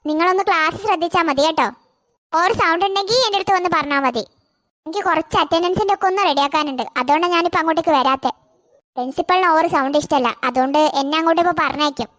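Performer as gentle cartoon teacher, high voice, dry close sound. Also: very fast, no echo. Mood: instructing. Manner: gentle, instructing. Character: kind female schoolteacher. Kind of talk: cartoon voice acting.

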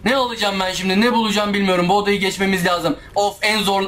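A gaming YouTuber with a high, bright voice talks fast and steadily through a casual let's-play, frustrated, swearing a lot and arguing with the game. Faint game music plays behind him, and there's a slight hiss or hum on the recording.

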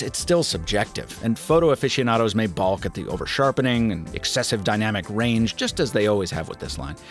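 Male tech reviewer from the US, 30s, animated scripted read, light music bed. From United States. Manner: lively, emphatic delivery with wide pitch swings. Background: faint music.

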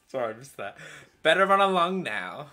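A man's voice: a little high, sing-song, unhurried, pushed and bright, faint music behind, full character voice. A man voicing a vain, catty female TV actress, reading game dialogue in a snide, self-important way. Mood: sarcastic.

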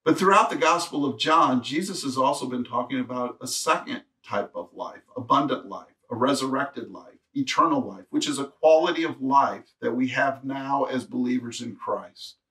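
Pastor, male, mid-pitched, earnest preacher, somewhat distant from the mic. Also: expressive, moderate pace, hardly any pauses, bright, forceful tone. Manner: earnest preaching, reads scripture aloud, rises to emphatic peaks. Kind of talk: sermon.

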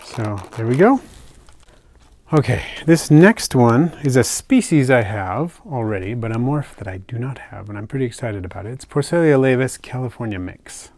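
Relaxed, chatty older man, dry close sound. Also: medium pitch, moderate pace, dry recording. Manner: relaxed, chatty, with fillers and soft asides. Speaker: isopod keeper unboxing purchases. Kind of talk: casual hobby vlog narration. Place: indoors at a table, hands on camera.

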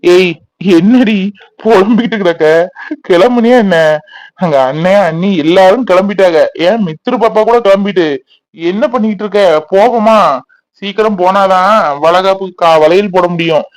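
A man's voice: sits high, normal speed, no echo, lightly acted. A man voicing a teasing, affectionate young husband in a cartoon, hurrying his wife along.

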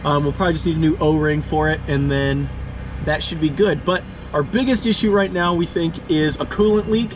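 A man's voice: a little high, steady tone, brisk. Joking young man in a noisy garage. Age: 20s. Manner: joking, laid-back explaining. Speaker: co-host renovating an RV. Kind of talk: casual vlog chat. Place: under and inside an old RV, outdoors and in.

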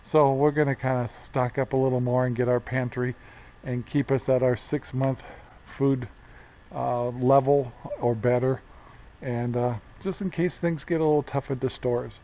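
Standing by a barn outside, a man in his sixties who runs a homestead vlog talks loosely to an action camera at arm's length, full of fillers and false starts. He has a steady, mellow, medium-pitched voice at normal speed, and the recording is rough.

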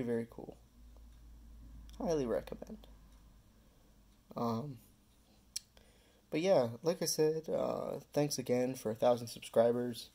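A man hosting his own pet care vlog, talking in a relaxed, rambling way with many fillers and pauses. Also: medium pitch. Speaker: pet-keeping channel host.

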